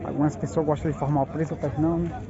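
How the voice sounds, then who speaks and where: Speaking rapid-fire in a slightly high voice with little pitch movement, a man with a Pernambuco accent from Northeast Brazil gives a casual walk-through of outdoor cattle pens, filmed on a phone as he walks. He chats with viewers, greets sellers and shouts out prices. The sound is dull and noisy, full of crowd chatter and cattle.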